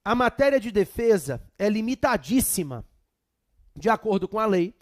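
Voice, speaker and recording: A man's voice: high-pitched, big pitch swings, moderate pace, no room sound, clean studio sound. A man with a Brazilian accent giving a chatty law exam prep lecture with humorous asides. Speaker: law teacher.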